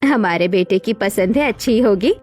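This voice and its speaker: A woman voicing a kind, motherly mother-in-law who speaks gently and reassuringly in a dramatized moral story. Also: mid-range voice, expressive, moderate pace, faint music behind, close to an everyday voice. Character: kind, caring middle-aged mother-in-law.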